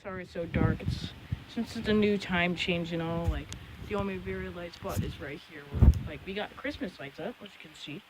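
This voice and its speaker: Out in strong wind at night, an amateur vlogger talks to viewers in a high-pitched voice at normal speed. His talk is rambling, apologetic and repetitive, and loud gusting wind roars through the recording.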